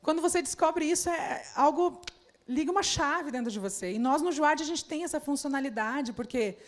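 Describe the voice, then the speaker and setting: A woman's voice: sits high, expressive, normal speed. A woman preaching to church leaders at a conference, speaking straight to her listeners with many rhetorical questions. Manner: addresses the audience directly with rhetorical questions. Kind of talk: sermon.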